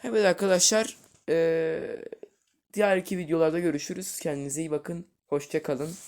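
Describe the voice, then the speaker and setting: Excitable man commentating gameplay. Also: a little high, moderate pace. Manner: excitable, jumps from loud outbursts to quiet muttering; talks straight to viewers as friends. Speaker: gaming video host.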